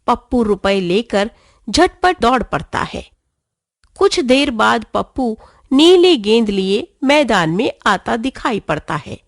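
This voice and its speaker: A woman narrating a children's story in an expressive, clear way. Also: a little high, takes it slowly, dry recording, studio quality.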